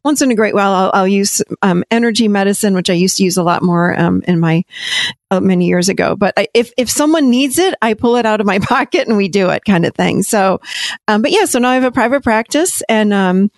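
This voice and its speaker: A woman's voice: medium pitch, no room sound. Chatty woman, dry close sound. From Rochester, New York. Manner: chatty, quick, self-correcting, laughs often. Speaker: podcast guest, therapist. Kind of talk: casual interview talk.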